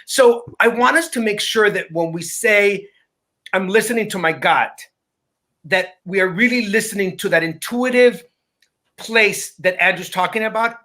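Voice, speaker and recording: Man, high voice, bright tone, earnest and emphatic, guest on a talk show. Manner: earnest, emphatic, repeats words when starting sentences. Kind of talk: conversational podcast talk.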